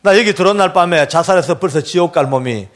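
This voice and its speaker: A man quoting his son, a gentle young man on death row, in a soft and tender voice. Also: a little high, fast, close to an everyday voice. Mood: calm.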